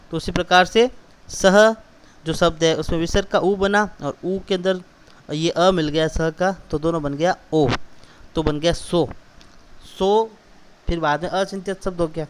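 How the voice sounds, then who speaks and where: Male teacher, patient step-by-step explainer, clear resonant tone, a bit high. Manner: patient, explains step by step and repeats questions to students. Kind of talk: classroom lesson explaining a text.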